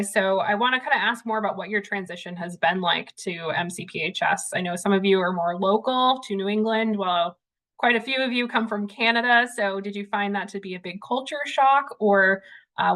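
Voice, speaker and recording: A woman hosting an admissions student panel in a casual, conversational way over a video call. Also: medium pitch. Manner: casual, conversational, relaxed phrasing.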